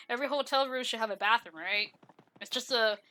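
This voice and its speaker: A woman talks through her gameplay in a casual, giggly way, full of fillers. Her voice sits a bit high and bright. Soft game music plays behind her. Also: moderate pace. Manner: giggly, chatty, lots of fillers. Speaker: let's play gamer.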